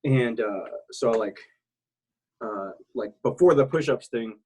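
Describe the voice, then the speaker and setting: A man's voice: medium pitch, slow, darkish tone, husky, rough recording. A man from South Texas talking casually as a podcast guest, candid and rambling, swearing freely. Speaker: guest, military veteran.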